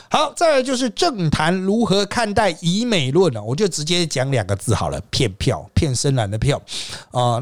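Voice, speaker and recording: A man hosting a podcast, delivering sarcastic political commentary full of rhetorical questions and drawn-out sentence-final particles. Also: mid-range voice, no echo, studio quality. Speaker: podcast host.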